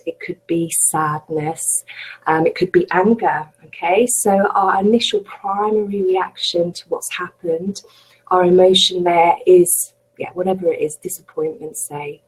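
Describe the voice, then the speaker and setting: Woman meditation coach, breathy and husky, gentle and reassuring on a webinar call. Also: fairly low pitch, steady tone, unhurried, poor audio. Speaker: mindfulness coach. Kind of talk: live webinar teaching and guided meditation. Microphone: webcam or computer mic on a video call.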